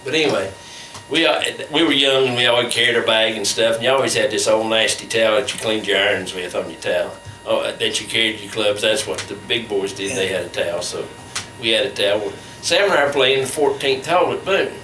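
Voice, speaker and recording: An older man telling a golf anecdote in an animated, chuckling way, over low-quality stream audio. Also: a little fast, hardly any pauses, soft background music. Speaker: family storyteller. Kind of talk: casual anecdote. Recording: echoey room, faint background noise.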